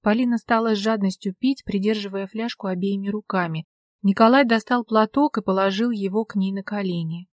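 A woman reading a story aloud in measured, scripted narration. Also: mid-range voice, no echo, studio quality. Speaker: audiobook narrator.

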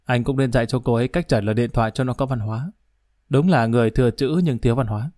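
A man's voice: mid-range voice, fast, dark tone, no echo, studio quality, close to an everyday voice. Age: near 50. Figure: a man doing a sly, domineering woman. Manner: cool, mocking.

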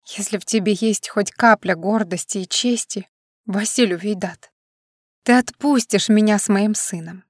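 A woman's voice: medium pitch, moderate pace, no room sound, studio quality, lightly acted. A woman reading the lines of a drunk, heartbroken young woman in an audiobook, bitter and accusing, some of them hissed in a whisper. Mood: weary.

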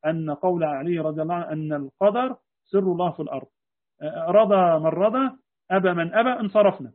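Speaking rapidly and high-pitched, an Egyptian-accented religious teacher works through a lesson on creed. His method is to ask rhetorical questions and supply the answers. The sound quality is thin and phone-like.

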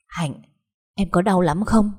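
A woman voicing a gentle, level-headed younger sister who soothes her family. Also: on the low side, slow pace, husky. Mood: calm caring. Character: caring, calm younger sister.

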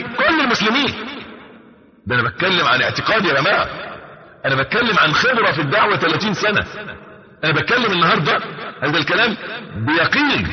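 An older man preaching a sermon in an Egyptian Arabic accent, speaking emphatically and slowing down to recite verses. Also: fairly high pitch, big-room sound, lo-fi sound. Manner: animated, emphatic rises, slows to recite verses.

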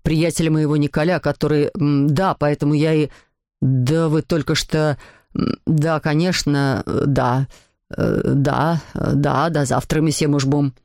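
Brief: woman reading as a low, grumbling, hot-tempered father, storybook audiobook, dry close sound. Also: a little fast, dry recording, natural voice. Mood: flustered. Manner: gruff, exasperated, shouting in bursts. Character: irritable middle-aged father, grumbling and short-tempered. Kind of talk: audiobook character voicing.

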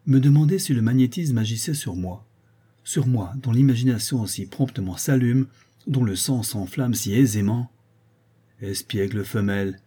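A man narrating a classic novel as an audiobook, in a measured, expressive storytelling manner. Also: medium pitch, breathy edge. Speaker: audiobook reader.

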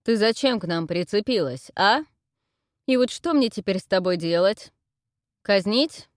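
A woman's voice: fairly low pitch, expressive, moderate pace, a little mellow, dry recording, studio quality, close to an everyday voice. A woman voicing a rude, brutish male king who growls threats and scorn, in an audiobook reading. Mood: menacing.

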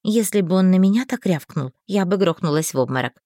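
A woman narrating a first-person fantasy novel in a lively storytelling manner. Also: fairly low pitch, brisk, no room sound, studio quality. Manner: lively storytelling, voicing every figure. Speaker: audiobook narrator.

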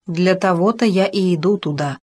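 A woman's voice: lowish voice, normal speed, a little mellow, slightly rough. A woman reading as a resolute proud noblewoman. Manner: firm, resolute.

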